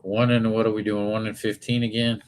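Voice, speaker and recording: A man's voice: lowish voice, little pitch movement, brisk. Man with dry short quips. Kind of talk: casual live show chat.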